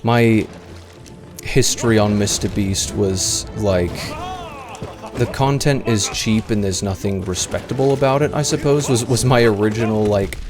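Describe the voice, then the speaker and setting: A low-voiced man rambling through a casual livestream, circling his thoughts with fillers and self-deprecating asides. Music plays clearly underneath his voice. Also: a little slow. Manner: meandering, self-deprecating, many fillers and restarts. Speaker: streamer. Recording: music playing clearly behind the voice.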